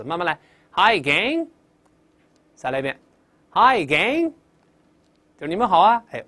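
A male English teacher giving a vocabulary lesson, drilling words aloud and stretching out the sounds. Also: a little high.

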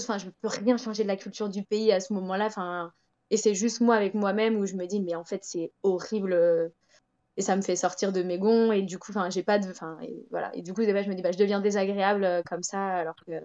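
A woman's voice: mid-range voice, warm tone, lo-fi sound. A woman from Europe talking frankly in casual chat on a live talk show, hesitant with many fillers and restarts. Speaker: guest traveler.

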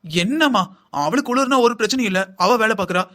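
A man's voice: very high voice, animated, fast, sharp tone, exaggerated voice. A man voicing a lazy, scheming young wife in a cartoon, whining and complaining in long sing-song lists. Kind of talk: cartoon voice acting.

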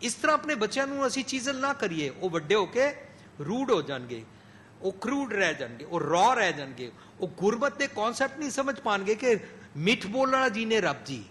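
A man delivers a sermon to a congregation, his voice high, bright and full of lively swings in pitch. He mixes English phrases into his speech, rising to emphatic peaks and then dropping soft. A faint hum of room noise sits behind him. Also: moderate pace. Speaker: Sikh preacher. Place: gurdwara hall.

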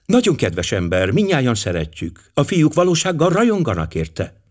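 A man's voice: medium pitch, wildly swooping pitch, a little mellow. A man voicing a worried American mother, speaking earnestly and pleadingly. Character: anxious American mother, middle-aged woman.

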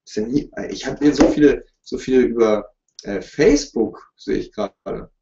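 On a livestream from a room at home, a YouTuber sits in front of a couch and casually answers viewers' questions in a jokey, apologetic way. His voice is mid-range and his pace moderate. The webcam audio sounds roomy, distant, and dull, with background noise.

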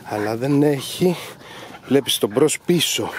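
A man's voice: mid-range voice, lively intonation, a little hiss or hum. A man training hunting dogs, explaining each step methodically and calling to the dogs outdoors in the fields. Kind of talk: instructive commentary over training footage.

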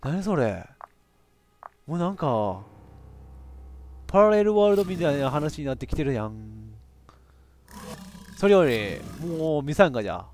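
A man with a giving excitable let's play commentary on a horror game, reacting loudly and laughing often. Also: on the high side, unhurried, pauses often, slight background noise. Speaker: VTuber game streamer.

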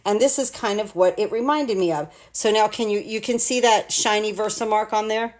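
A woman's voice: mid-range voice, normal speed. Chatty woman in her sixties demoing crafts. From United States. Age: 60s. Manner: chatty, rambling, talks through each step. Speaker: craft demonstrator. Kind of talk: live card-making demo. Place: home craft table, indoors.

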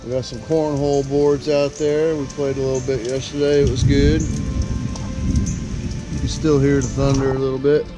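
A man's voice: medium pitch, level tone, moderate pace. A middle-aged man, talking casually into a handheld camera in a camper. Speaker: vlogger. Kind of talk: casual vlog narration. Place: camper and campsite in a storm. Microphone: handheld action camera. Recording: music playing underneath.

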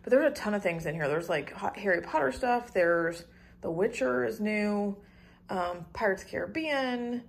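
A woman's voice: mid-range voice, animated, normal speed, gravelly, breathy edge. A woman in her thirties chatting casually to her phone camera in a small apartment, rambling with many ums and likes and laughing easily. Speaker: vlogger. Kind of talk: casual clean-with-me vlog chat. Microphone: phone camera held at arm's length.

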